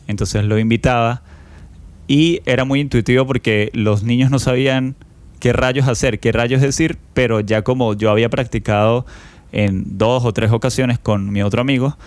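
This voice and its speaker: A man hosting a podcast, telling a childhood story in an unhurried, reflective way with frequent fillers. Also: medium pitch, steady tone, darkish tone, dry recording. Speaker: podcast host. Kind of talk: personal storytelling monologue.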